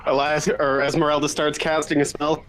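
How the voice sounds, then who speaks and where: A man's voice: on the high side, flat delivery, a little fast, music in the background. A man playing a tabletop game, speaking casually with a cheeky, wisecracking manner. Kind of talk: casual, joking role-play chat.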